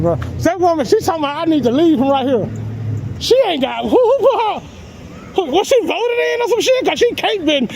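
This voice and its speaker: A man films police on a public sidewalk, taunting and mocking them in confrontational street talk and laughing often. His very high, creaky voice is picked up by his handheld camera over a noisy background.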